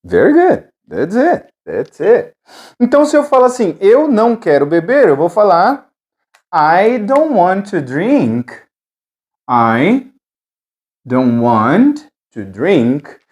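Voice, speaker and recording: A teacher walks through an English lesson in a mellow, unhurried voice. The pitch swings widely, and the delivery is patient, with drill phrases repeated over and over. Frequent check-ins keep the students following along. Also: big pitch swings. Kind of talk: recorded English lesson for Portuguese speakers.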